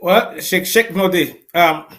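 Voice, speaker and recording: A man with a Cameroonian Pidgin English accent, speaking as a commander in a livestream interview and laying out orders in a forceful, declamatory way with repeated warnings. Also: sits high, takes it slowly.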